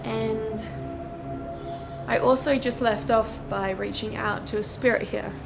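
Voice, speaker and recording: A woman's voice: on the high side, fairly even intonation, a little slow, creaky. Woman hosting a ghost-hunting vlog, music behind. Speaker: host of a paranormal investigation vlog. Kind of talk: vlog narration and casual chat to camera. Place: outdoors at night on camp grounds.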